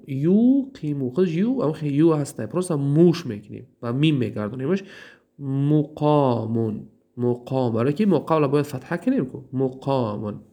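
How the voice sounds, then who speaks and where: A man with a Tajik accent teaching a grammar lesson. He drawls out word forms, asks questions and answers them himself, and pauses on fillers. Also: medium pitch, mellow. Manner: drawls out word forms, repeats them slowly, then translates. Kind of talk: classroom lesson.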